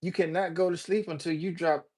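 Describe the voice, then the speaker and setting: Greeting viewers by name as he reads their comments, an older livestream host chats casually, rambling and cracking jokes. He talks briskly in a slightly high, steady voice that's a little mellow.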